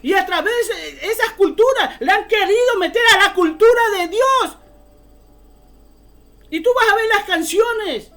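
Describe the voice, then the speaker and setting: A woman's voice: very high voice, expressive, measured pace, fairly bright tone. A woman preaching a fervent sermon, often calling her listeners brother.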